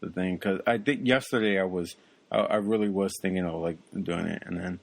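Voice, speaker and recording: A young man talks casually as a podcast co-host. His voice sits low, and he rambles along, filling pauses with ums and uhs. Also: steady tone, vocal fry. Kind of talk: casual chat.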